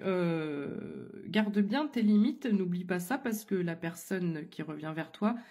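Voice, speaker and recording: A woman's voice: medium pitch, mellow. A woman giving a casual tarot reading, talking straight to the listener with lots of fillers and restarts, her voice still not fully back after an illness. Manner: hesitant, many fillers and restarts, addresses listener directly. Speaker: tarot card reader.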